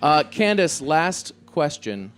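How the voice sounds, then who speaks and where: A man's voice: on the high side, sing-song, slow pace, a bit bright. Playful man hosting a comedy quiz. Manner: playful, mock-dramatic reading of product blurbs. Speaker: podcast host running a quiz game.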